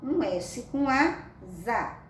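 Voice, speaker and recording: Slow, echoey woman teaching children. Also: high-pitched, big pitch swings. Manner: affectionate, sing-song, coaxing questions to children. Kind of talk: slow, careful children's reading lesson. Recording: echoey room, mic at a distance, faint background noise.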